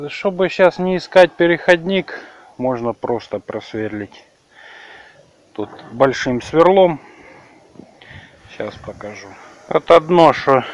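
A man with a Ukrainian accent talks through a car repair outdoors, filming his own hands on a handheld camera. His pace is slow, and his talk is plain and rambling, with mid-range pitch. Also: lo-fi sound. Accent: Ukrainian-accented Russian. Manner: unhurried, rambling, plain-spoken. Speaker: car repair video host. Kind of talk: casual how-to vlog.

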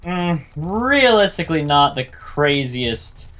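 Man, slightly high voice, swooping intonation, playful gamer banter, keyboard clicks behind. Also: sing-song, slow pace, a bit bright. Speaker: gaming video host and player. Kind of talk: casual gameplay chat.

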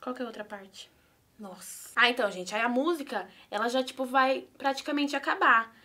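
A woman's voice: high voice, brisk, bright, forceful tone. A young woman with a Brazilian accent chatting nervously and giggling through a prank video. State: anxious. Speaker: YouTuber pranking her mother. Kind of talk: casual prank vlog chat.

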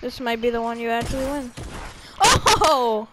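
A woman's high voice bursts out in a casual gaming chat. She trash-talks her opponent and is quick to mock herself. A hiss of noise sits under the capture. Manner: excitable, trash-talking, quick to self-mock. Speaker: gamer playing a 1v1 match.

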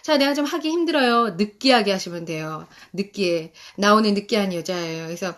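Animated woman guiding parents on a stream. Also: mid-range voice. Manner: animated, repeats English phrases slowly for parents. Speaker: parenting guide host. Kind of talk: live-stream guide talk.

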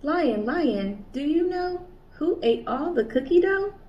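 Her voice sits high and animated as she reads slowly, a young adult children's librarian from the United States entertaining kids with a picture book in playful sing-song. Recorded in a small indoor room, the audio is a little distant and dull, with a faint hiss.

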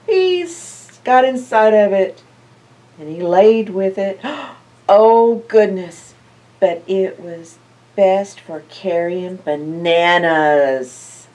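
Seated by bookshelves in an indoor library, an older woman storyteller reads a picture book to young children in a medium-pitched voice, drawing out her words. She is expressive, reacts in an animated way and asks her listeners questions. The microphone is slightly distant.

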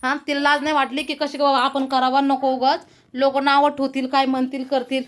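A woman's voice: sits high, level tone, fairly quick. A woman vlogger scolding and complaining bitterly during a family quarrel, repeating herself.

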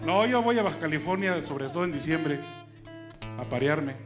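A man's voice: fairly high pitch, expressive, moderate pace. A man with a Mexican accent doing stand-up comedy, chatting and joking with his audience. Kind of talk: stand-up comedy with crowd banter. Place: stage in front of an audience. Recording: live show with loud crowd and music.

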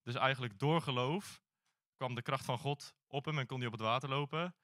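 A man delivers an informal sermon as a church elder. He talks in a hesitant, searching way, with frequent pauses, at a mid pitch. The sound is dry and close. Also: fairly bright tone, dry recording.

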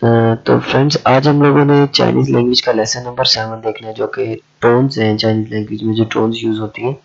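A man who teaches a language lesson, talking slowly and repeating himself with many fillers. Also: mid-range voice, level tone, gravelly, soft background music. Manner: slow and repetitive, with many fillers. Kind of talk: explaining a lesson. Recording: dull lo-fi audio.

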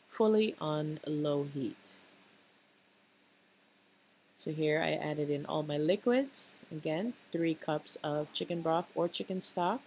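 A woman hosting a cooking channel, talking through a recipe step by step and often checking in with "okay?". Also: sits low. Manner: instructive, repeats tips with a checking "okay?". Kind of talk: cooking tutorial voice-over.

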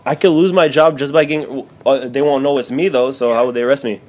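A man's voice: medium pitch, fairly even intonation, fast talker, darkish tone. A man in his twenties making a casual prank phone call in an earnest, hesitant, oversharing way full of fillers. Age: 20s. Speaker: prank caller. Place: small bare-walled room indoors. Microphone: camera a few feet away. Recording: noisy room recording.

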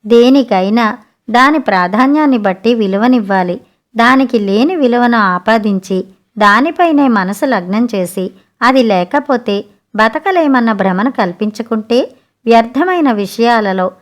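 A woman reading a fable aloud for an audiobook. Her voice is fairly high and her telling stays steady and even. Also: unhurried. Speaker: audiobook narrator. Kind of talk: storybook narration.

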